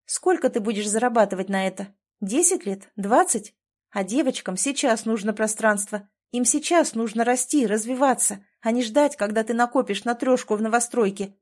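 A woman narrates an audiobook in a natural, fairly high voice with a darkish tone, at normal speed. She plays a strong-willed woman who argues with insistence and a steely edge, sounding pleading and emphatic.

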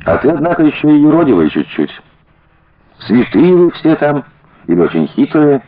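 A man's voice: fairly high pitch, very animated, normal speed, a crowd in the background, voice pushed up. A teasing young noblewoman, read by a man. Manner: teasing, playful. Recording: dull lo-fi audiobook recording.

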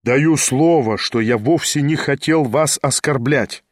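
A man's voice: medium pitch, unhurried, dry recording, clean studio sound, close to an everyday voice. A man voicing a composed aristocrat at a duel, firm and impatient. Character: cold, composed male aristocrat dueling.

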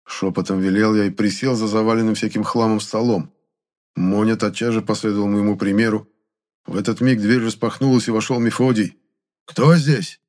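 A man reading a first-person audiobook in a steady storytelling manner. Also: fairly low pitch, fairly quick. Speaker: audiobook narrator.

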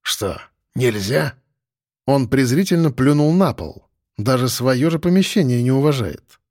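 Steady male audiobook narrator. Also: medium pitch, moderate pace, dry recording, clean studio sound. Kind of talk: scripted first-person narration.

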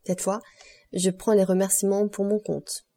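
A woman voicing a composed, courteous middle-aged count in an audiobook, measured and polite. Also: mid-range voice, little pitch movement, dark tone, natural voice. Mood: courtly.

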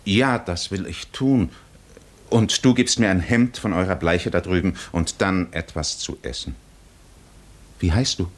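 In a 1950s German radio drama, a male actor with a low voice plays a weary, worldly castaway hero who wanders. He sounds middle-aged and gently teasing, delivering his lines in a measured, musing way.

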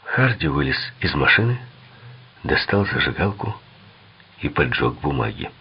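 A man narrating a crime novel audiobook in an expressive, dramatic reading. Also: a bass voice, measured pace, vocal fry, slightly rough, muffled recording.

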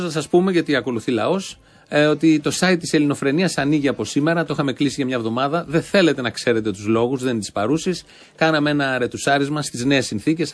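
A man with a slightly high voice delivers heated, sarcastic political commentary as a show host. He speaks in rallying bursts, mocking and urging by turns.

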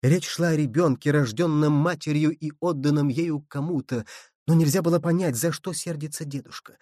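A man narrating a literary story in a steady, measured reading voice. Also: fairly high pitch, dry recording, clean studio sound.

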